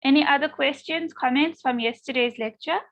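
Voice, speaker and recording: A woman's voice: high-pitched, fairly quick, dull audio. A woman lecturer giving an online class, encouraging students and often checking in with "okay?".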